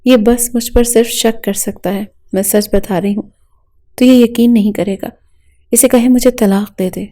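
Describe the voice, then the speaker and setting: A woman's voice: fairly high pitch, fairly even intonation, warm tone, lightly acted. A woman voicing a frightened young wife who pleads through tears in a storybook reading. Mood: pleading. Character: terrified crying young wife.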